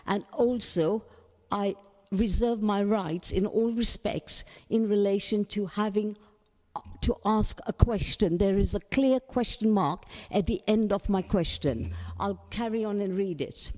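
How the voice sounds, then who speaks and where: A woman addressing a council committee, reading her statement aloud in a halting, hesitant way. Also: mid-range voice, a little mellow. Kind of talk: formal statement at a public meeting. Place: council chamber. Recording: reverberant chamber sound.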